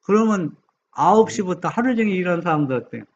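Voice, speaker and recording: A pastor preaching a sermon, reading scripture slowly and putting questions to the congregation. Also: male voice, high-pitched, animated, a little hiss or hum. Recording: dull lo-fi sound.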